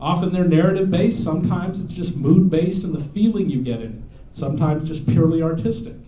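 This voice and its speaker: A man's voice: fairly high pitch, a little fast, slight background noise. A man presenting student game awards to a live audience, joking and teasing as he reads out the winners. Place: event hall with an audience. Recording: echoey, dull hall recording.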